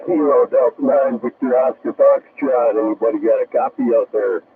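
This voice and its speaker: A man's voice: medium pitch, fairly even intonation, moderate pace, creaky. Guy on a mistuned ham radio, tinny, faint hiss, calling out his call sign. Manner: reads out call signs in phonetic alphabet. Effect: slightly off-frequency ham radio signal.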